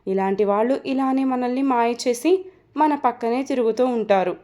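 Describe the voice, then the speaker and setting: A woman's voice: on the high side, normal speed, a little mellow, close to an everyday voice. A woman voicing a curt, scolding young father. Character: stern irritable young man, a father.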